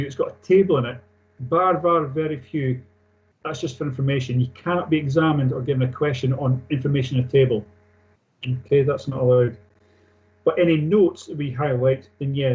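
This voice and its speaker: In a classroom lecture on aircraft engine maintenance, a male instructor with a mid-range voice reads points aloud and explains each one. His delivery is brisk, matter-of-fact and casual, captured on dull lo-fi audio.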